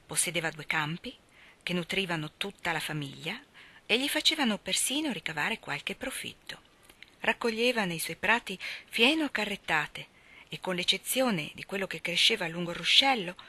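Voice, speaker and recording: A woman narrating a classic novel aloud in a measured, expressive storytelling manner. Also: fairly low pitch, husky. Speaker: reader. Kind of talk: audiobook narration.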